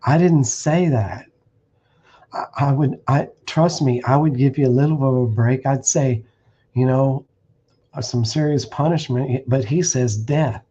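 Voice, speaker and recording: A man's voice: medium pitch, measured pace, dark tone, breathy edge, lo-fi sound. A man preaching bluntly on a stream, warning listeners and reading verses aloud with restarts. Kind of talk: streamed scripture teaching. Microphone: streaming setup.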